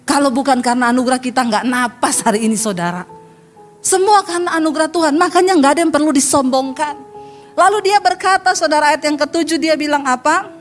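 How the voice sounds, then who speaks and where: Middle-aged woman pastor, high voice, blunt and scolding sermon delivery. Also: fast, soft background music. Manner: blunt, scolding, mocking impressions.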